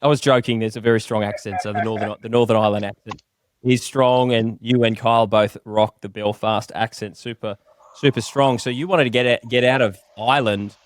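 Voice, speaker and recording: A man's voice: fairly low pitch, steady tone, a little fast, no echo. A man from Tasmania hosting a podcast interview in an upbeat, joking manner. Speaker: podcast host.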